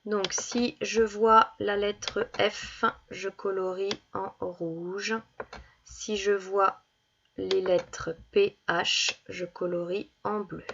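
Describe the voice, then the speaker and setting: A woman teaching young children, reading words slowly and clearly and stressing each one as she goes through worksheet exercises. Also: mid-range voice, flat delivery, fairly bright tone, highs cut off, slight background noise. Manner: slow, deliberate, stresses each word. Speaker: primary school teacher.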